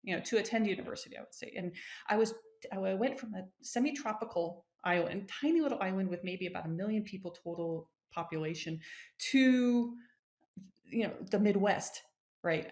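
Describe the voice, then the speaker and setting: A woman's voice: on the low side, darkish tone. A woman from Japan, an executive coach, telling her story as a podcast guest in a conversational way, often checking in with "right?". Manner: conversational, with restarts and frequent "right?".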